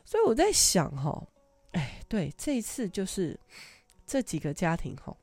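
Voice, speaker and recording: A woman's voice: medium pitch, moderate pace, no echo, soft background music. An older woman, hosting a podcast and telling stories casually, with frequent laughter. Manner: laughs often, animated anecdotal telling. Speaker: podcast host. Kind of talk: casual storytelling.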